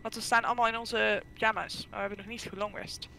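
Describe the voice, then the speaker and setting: A woman's voice: mid-range voice, steady tone, quick pace, gravelly, bright, forceful tone. A woman chatting casually while playing a game with friends, explaining things in a chatty way. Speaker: gamer. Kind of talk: casual gameplay chat.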